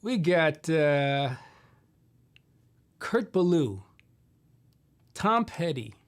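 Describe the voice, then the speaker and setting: A man's voice: on the high side, very slow. A middle-aged man hosting a live guitar Q&A stream from his home studio, chatting loosely through viewer questions with fillers and detours. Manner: relaxed, rambling, answers viewer questions with fillers. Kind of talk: casual live-stream chat.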